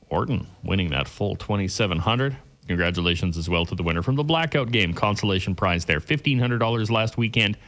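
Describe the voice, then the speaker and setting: A man working as a bingo caller on the radio, announcing rules and numbers in a deliberate, repetitive announcer's delivery. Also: fairly low pitch, a bit bright.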